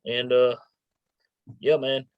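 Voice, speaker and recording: A man's voice: mid-range voice, little pitch movement, slow pace, clean tone, no room sound. A man chats casually as a show host. He is informal and stumbles over his words, with a mid-range voice. The sound is dry and a little dull. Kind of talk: casual interview chat.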